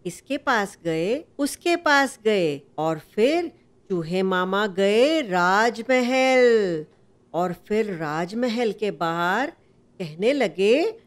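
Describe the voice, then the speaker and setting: A woman telling a story to children in an animated way, asking them questions. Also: mid-range voice. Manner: slow, animated, asks the children.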